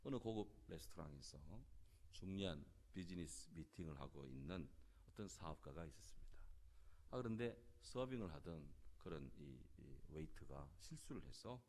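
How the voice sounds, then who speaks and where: Male pastor, sermon, very low voice, lively and animated, drops to near-whispers. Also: normal speed. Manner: animated delivery that swings from loud emphasis to near-whispers.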